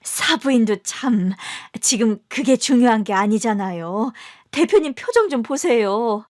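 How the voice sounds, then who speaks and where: A woman's voice: on the high side, lively intonation, measured pace, no room sound, clean studio sound. A woman voicing a haughty, wealthy middle-aged mother-in-law who talks down to others, in a radio drama. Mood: groveling.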